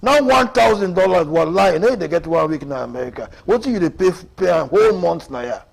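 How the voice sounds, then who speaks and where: A man's voice: high-pitched, animated, brisk, vocal fry, low-quality recording. A man in his seventies with a Sierra Leonean Krio accent, giving impassioned political commentary as a radio guest, emphatic and repetitive as he mixes Krio and English. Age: 70s.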